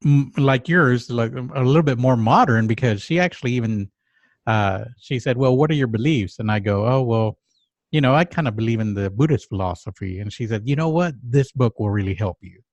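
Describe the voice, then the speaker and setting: A man from Mexico talks through his thoughts slowly, often stopping to restart a sentence, at a pitch in the middle of the range. The sound is dry and close, with no room echo. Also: lo-fi sound. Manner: halting, with frequent restarts and trailing pauses. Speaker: podcast co-host. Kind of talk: reflective casual conversation.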